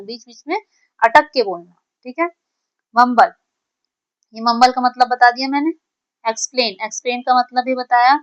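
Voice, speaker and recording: Female vocab teacher, higher voice, smooth and clear, patient repeater, slightly lo-fi recording. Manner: explains each word slowly, repeating it and asking "what does it mean?"; keeps checking in with "ठीक है" and "है ना". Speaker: English teacher. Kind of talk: exam-prep vocabulary lesson.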